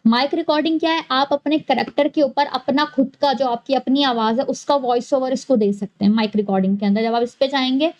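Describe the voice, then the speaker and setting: A woman narrating a screen-recorded software tutorial, explaining each step patiently and repeating key points. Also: high-pitched, rough recording. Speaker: animation tutorial host.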